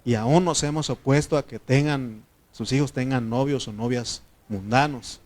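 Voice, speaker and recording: A man preaching a sermon, putting direct questions to the congregation and swinging between loud and hushed. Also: mid-range voice, normal speed. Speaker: pastor.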